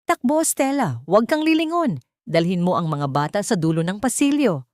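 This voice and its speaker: A woman voicing a male lawyer who shouts urgent orders. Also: medium pitch, big pitch swings, normal speed, dry recording, studio quality, close to an everyday voice.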